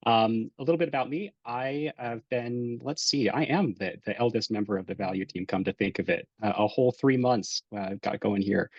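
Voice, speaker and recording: A man introducing himself as a consultant on a webinar from his phone, friendly and halting with many fillers. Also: medium pitch, a little mellow, slightly rough, no echo. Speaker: value consultant. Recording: dull, dry phone audio.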